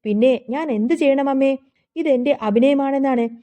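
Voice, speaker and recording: A woman's voice: high-pitched, moderate pace, mellow, lightly acted. A woman voicing an anxious, suspicious young man who talks in an agitated, defensive way.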